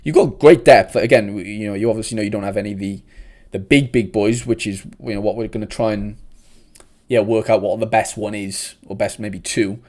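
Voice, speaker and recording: Speaking with a South Wales accent, this young livestream host keeps things chatty and relaxed, dropping "mate" often. He talks a little fast in a lowish, darkish voice with fairly even intonation.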